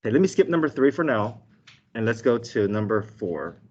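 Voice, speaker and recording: At a desk with a document camera indoors, a man teaches a math lesson step by step, explaining and often checking in with short tags like "okay" and "right". His medium-pitched voice is a little mellow, fairly quick, with big pitch swings. The online lesson audio sounds dull and slightly muffled.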